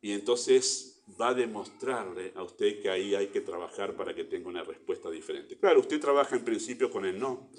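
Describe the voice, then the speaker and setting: A man with an Argentine Spanish accent preaching a sermon in a church, earnest, rising to emphatic bursts and dropping to quiet asides. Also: lowish voice, expressive, moderate pace, few pauses. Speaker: pastor.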